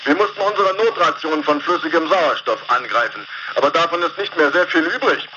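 An actor playing a stranded spaceship captain in a radio play, reporting in a plain, matter-of-fact way through a sci-fi radio communicator. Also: male voice, a little high, expressive, fairly quick. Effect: sci-fi radio communicator transmission. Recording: dull lo-fi sound with clear hiss.

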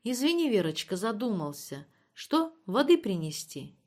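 A woman voicing a withdrawn, gentle husband in an audiobook, soft and apologetic. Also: mid-range voice, big pitch swings, moderate pace.

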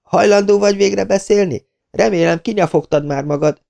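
A shrill, scolding woman in a storybook reading, shrieking her contempt at everyone around her, as a male narrator puts her on. Her voice jumps far up into a strained high register, with a gravelly edge and a dark, mellow tone underneath. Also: very animated. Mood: demanding. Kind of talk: audiobook character reading.

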